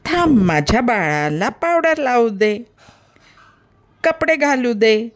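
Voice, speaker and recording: Woman playing a sensible mother sparrow, raised bright voice, storybook. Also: on the high side, very animated, slow pace, voice pushed up. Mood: motherly. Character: busy caring mother sparrow, hardworking and sensible.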